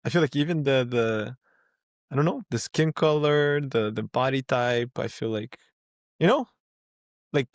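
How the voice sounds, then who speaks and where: A man's voice: mid-range voice, measured pace, pauses often, dry recording. Easygoing guy from brazil cohosting a tech podcast, laughs a lot, mid voice, dry mic. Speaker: podcast co-host. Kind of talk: casual tech podcast chat.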